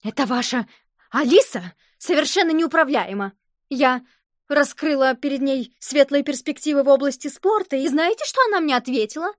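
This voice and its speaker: A woman's voice: high voice, lively intonation, normal speed, no room sound, studio quality, voice pushed up. A woman voicing a pompous, offended female sports coach who lectures indignantly.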